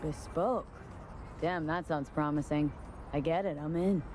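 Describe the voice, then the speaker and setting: An actress playing a tough, nonchalant young mercenary in a video game, dry and casual. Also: female voice, deep voice, measured pace, noisy background. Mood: dry, unfazed. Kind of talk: video game character dialogue.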